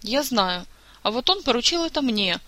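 A man's voice: very animated, normal speed, bright, forceful tone, no echo, exaggerated voice. A narrator voicing a timid, emotional young man who pleads in a raised, tearful voice, in an audiobook. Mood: pleading. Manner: pleading, tearful, higher pitched.

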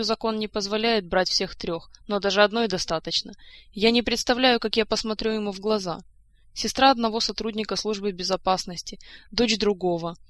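A woman's voice: mid-range voice, a bit bright, no echo, close to an everyday voice. A woman voicing a grieving, despairing adult king who speaks in long, weary, bitter outpourings.

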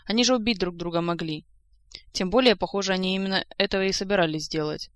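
A woman's voice: medium pitch, fast, no room sound, close to an everyday voice. A woman reading aloud, voicing a weary male commander who grumbles and complains. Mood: grumbling. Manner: grumbling, plaintive.

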